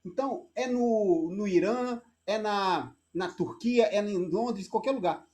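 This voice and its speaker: A man's voice: high-pitched, slow, a little mellow. A Brazilian man hosting an interview, asking friendly, rambling questions about culture and a guest's life. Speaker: interviewer, host. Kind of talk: casual interview.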